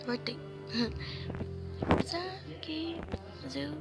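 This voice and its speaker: A woman with a Brazilian accent, hoarse and stuffy-nosed, thinking aloud as she guesses through a quiz game, with mild swearing. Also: sits high, animated, very slow, over loud music. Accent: Brazilian Portuguese. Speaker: gaming channel host. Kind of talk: casual gameplay commentary.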